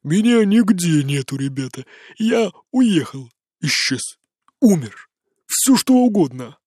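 A man voicing a drunk, bitter middle-aged man who drawls, jeers and shouts. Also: high voice, very animated, takes it slowly, slightly rough, dry recording, clean studio sound, exaggerated voice. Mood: drunkenly jovial. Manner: slurred drawling, jeering and shouting.

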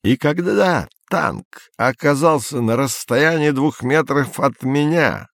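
A man voicing a drunk, pompous German soldier who speaks slowly and solemnly in a storybook reading. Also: medium pitch, expressive, vocal fry, dry recording, studio quality, voice pushed up. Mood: maudlin boastful.

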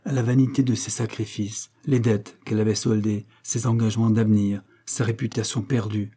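A man narrating a classic novel as an audiobook, slow and measured. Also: on the low side, little pitch movement, mellow, breathy edge.

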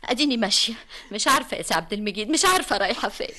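An actress playing a gentle, sorrowful Egyptian sister who speaks softly and tenderly, in an Egyptian accent, radio drama. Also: female voice, fairly high pitch, sing-song, very fast, exaggerated voice. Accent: Egyptian Arabic.

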